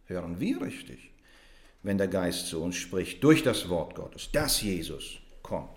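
A man preaching a sermon to a congregation, telling a story with animated delivery and addressing them directly. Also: deep voice, a little slow, reverberant.

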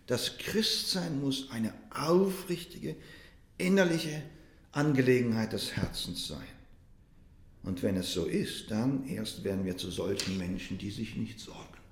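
A man's voice: medium pitch, a little slow, echoey room. A man preaching a sermon with emphatic delivery, often addressing the congregation directly. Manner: emphatic preaching, addresses listeners as "Ihr Lieben".

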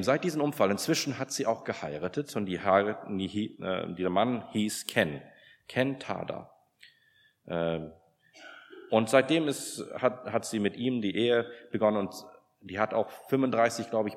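Man, low voice, sermon, storytelling, hesitant restarts, long hall reverb. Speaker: preacher.

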